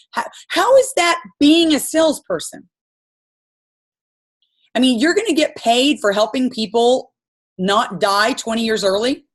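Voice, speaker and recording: A woman coaching her sales team on a group call, giving an impassioned, rambling pep talk full of stories. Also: a little high.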